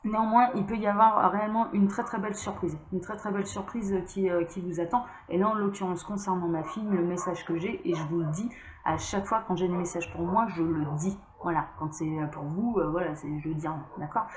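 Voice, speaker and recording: A woman's voice: on the low side, fairly even intonation, fairly quick. A woman hosting her own channel, giving a casual spoken tarot card reading and chatting straight to her viewers. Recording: echoey room with faint background noise.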